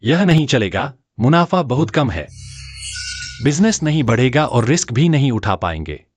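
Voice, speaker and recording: A man's voice: medium pitch, very animated, moderate pace, husky, no room sound, soft background music. A young man dubbing an earnest, determined young shop owner in a drama. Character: earnest young male entrepreneur. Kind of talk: dubbed drama acting.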